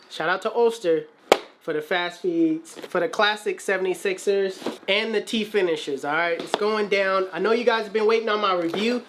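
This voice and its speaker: A man's voice: high-pitched, background noise. Laid-back slangy barber guy. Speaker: barber and channel host. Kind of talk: casual haircut tutorial. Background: music.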